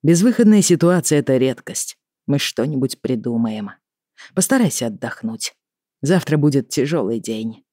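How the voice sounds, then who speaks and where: An audiobook reader voicing a stern, worried middle-aged father who speaks gravely and wearily. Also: mid-range voice, expressive, dark tone, no echo, studio quality, lightly acted. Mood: grave, weary. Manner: grave, measured, weary. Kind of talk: audiobook character reading.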